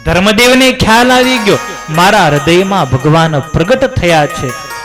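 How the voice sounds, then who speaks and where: A man's voice: high voice, animated, a little slow, over music. A man narrating a devotional religious story in a sermon style, with dramatic rises and drops in his voice.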